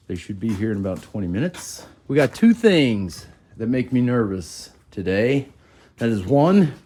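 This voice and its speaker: A man's voice: mid-range voice, dark tone, a little hiss or hum. A man hosting his shop vlog, talking casually to the camera and admitting he is nervous. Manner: nervous, self-deprecating chat. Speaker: shop owner and video host. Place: tidied-up shop.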